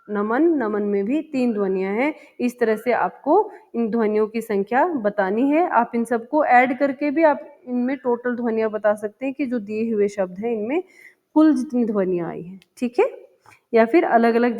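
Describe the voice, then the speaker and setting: A woman teaching a first-grade Hindi lesson, patiently repeating words and asking the children questions. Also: medium pitch. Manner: chants the poem slowly and sing-song. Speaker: primary school Hindi teacher. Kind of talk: explaining a textbook lesson to young children. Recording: dull lo-fi sound with long reverb.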